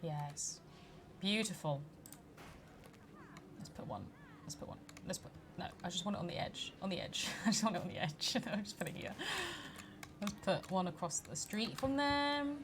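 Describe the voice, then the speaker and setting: A woman's voice: medium pitch, animated, moderate pace, background noise. Chatty woman playing a game. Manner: chatty, laughs often, mock-outraged at park guests. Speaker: community manager streaming a game. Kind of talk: casual let's play commentary.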